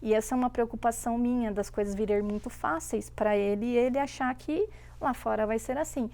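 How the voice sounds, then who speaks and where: A woman in her thirties, chatting casually as a mother and telling stories with lively quoted voices. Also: on the high side, a little fast. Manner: animated storytelling with voiced quotes. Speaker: guest mother. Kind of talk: casual chat.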